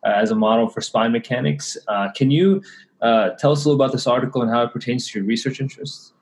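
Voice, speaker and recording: A man co-hosting a podcast, introducing a guest and asking questions in a relaxed way, often restarting his words. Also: medium pitch, quick pace. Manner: relaxed, repeats words while finding phrasing. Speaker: podcast co-host.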